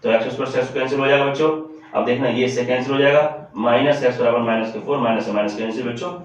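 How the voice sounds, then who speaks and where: A man's voice: medium pitch, steady tone, racing, a little hiss or hum. A man teaching math to students in a classroom-style lesson. He repeats each step aloud and keeps calling on the students to listen closely. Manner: repetitive, addresses students often, walks through steps aloud. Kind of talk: classroom-style lesson solving board problems. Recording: echoey room from a distance, dull lo-fi sound.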